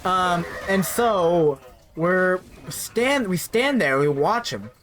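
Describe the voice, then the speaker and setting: A man's voice: sits high, expressive, takes it slowly, a bit bright, slight background noise. A young man casually telling a personal story, rambling, repeating words and adding "right?" asides.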